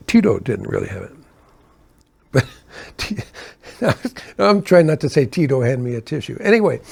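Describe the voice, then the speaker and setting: A husky, slightly high male voice with vocal fry and a darkish tone belongs to an older keyboard player. He tells casual, meandering stories from the road, often correcting himself and chuckling between asides.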